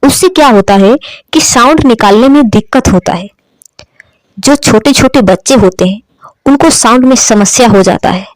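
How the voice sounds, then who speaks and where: A woman's voice: fairly high pitch, moderate pace, dry recording, low-quality recording. A woman from India giving an online English lesson as teacher, drilling sounds with repeated questions and answers.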